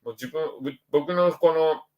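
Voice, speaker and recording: A man's voice: on the high side, normal speed, dark tone, muffled recording. A middle-aged man from Osaka, a spiritual counselor hosting a casual livestream and chatting upbeat through viewer comments. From Osaka, Japan. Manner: chatty and upbeat, voice jumps up when reading out names.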